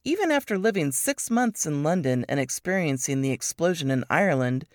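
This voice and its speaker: A woman reads a book excerpt aloud with expressive storytelling, her pitch swooping widely up and down. Her voice sits a little low and sounds close and dry, with no room around it. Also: dry recording. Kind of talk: scripted narration.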